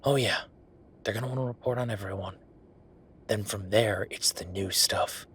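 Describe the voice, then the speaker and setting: In a dramatic audio roleplay monologue, a man plays an angry, exasperated werewolf boyfriend, a bitter office worker who vents with sweary sarcasm. His voice is on the low side, a bit bright and close to an everyday voice, at a moderate pace with slight background noise.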